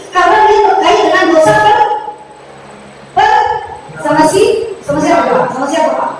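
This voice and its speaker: High-voiced woman preaching in echoey hall. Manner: emphatic, sing-song preaching with repetition. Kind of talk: sermon. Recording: echoey hall from far off, faint noise.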